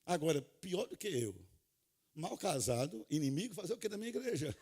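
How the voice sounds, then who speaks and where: A man preaching to a conference of pastors, animated and humorous, dropping to soft, low asides and then rising to loud, shouted calls. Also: a little fast, breathy edge. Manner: animated, humorous, plays out little scenes. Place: large conference hall.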